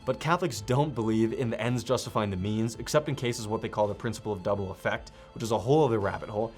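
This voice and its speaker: A man's voice: fairly low pitch, fast talker, a little mellow. A man in his twenties giving sarcastic video-essay commentary into a close desk microphone. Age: 20s. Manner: sarcastic, swearing. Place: small indoor studio room at a desk. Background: music.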